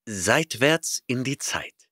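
A baffled young man stammers out hesitant questions, voiced by an audiobook reader. The voice is a low baritone lifted a little and lively in pitch. It is slow and sounds dry and close. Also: husky, dry recording, heavily acted.

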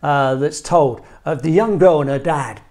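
A middle-aged English pastor delivers an earnest, emphatic sermon, gesturing with both hands, in a small indoor church room recorded on a lapel mic. His voice sits on the high side with a darkish tone and a measured pace.

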